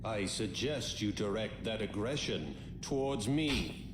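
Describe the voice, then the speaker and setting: A grave, formal warrior from a video game. The voice sits fairly low and moves expressively. Chatter crowds around it, as if game audio plays in a busy room. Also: male voice, lively intonation, measured pace.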